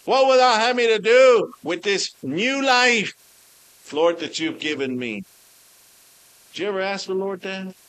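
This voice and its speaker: A man's voice: sits high, a bit bright, no echo. A man preaching a sermon, switching between Spanish and English and stopping to hunt for the right word. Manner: mixes Spanish and English, pausing to search for words. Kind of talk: bilingual sermon.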